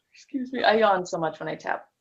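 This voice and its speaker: A woman's voice: medium pitch, vocal fry. A woman in a tapping session who repeats phrases and hesitantly recounts a childhood memory, stumbling over her words. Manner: hesitant, stumbling restarts, soft. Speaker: client in demonstration. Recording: dull lo-fi sound.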